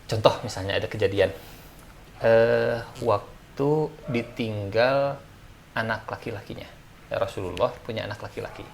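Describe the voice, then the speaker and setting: A man's voice: fairly low pitch, steady tone, normal speed, creaky, long pauses, slight background noise. A man, an ustadz giving a casual religious talk, chatty and full of fillers. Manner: chatty, laughs often, many fillers. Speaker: ustadz speaker.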